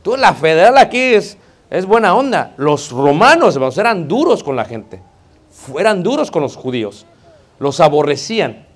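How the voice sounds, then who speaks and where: High-voiced Mexican man preaching. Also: sing-song, moderate pace. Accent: Mexican Spanish. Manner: conversational, joking, keeps addressing the congregation as brothers. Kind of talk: sermon.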